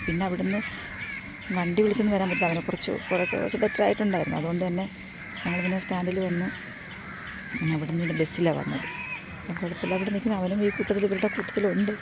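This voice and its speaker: A woman walking a rural path on a casual vlog, hoarse from losing her voice, chatty and rambling as she repeats herself. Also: lowish voice, fairly even intonation, racing, long pauses, noisy background. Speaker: vlogger. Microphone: phone front camera at arm's length.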